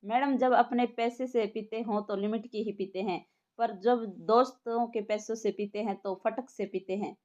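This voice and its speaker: A woman playing a goofy village joker smitten with a policewoman, cheeky and flirty; fairly high voice, dull lo-fi sound. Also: fairly even intonation, moderate pace, a little mellow, close to an everyday voice. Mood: sheepish. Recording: lo-fi muffled recording.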